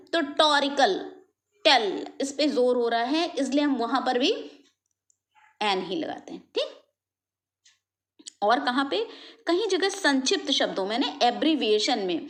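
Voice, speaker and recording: A woman teaching an English grammar lesson, explaining step by step, spelling out letters and checking in with "okay?" after each point. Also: sits high. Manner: checks understanding with frequent "okay?" tags; spells out letters and examples slowly.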